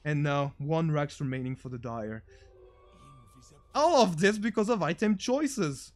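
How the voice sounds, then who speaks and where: A man with a high voice casts a video game match for laughs. He jumps from low, muttered jokes to yelling over big plays, always playful and excitable. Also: a little slow, faint music behind. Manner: excitable, jokey, swings between mumbled asides and shouted hype. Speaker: game caster. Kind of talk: comedic esports commentary.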